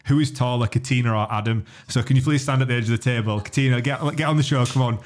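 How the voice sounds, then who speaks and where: A man co-hosting a podcast, reading out listener questions in brisk, chatty talk. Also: mid-range voice. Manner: brisk, chatty, laughs easily. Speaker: podcast co-host. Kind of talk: casual podcast chat. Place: podcast studio.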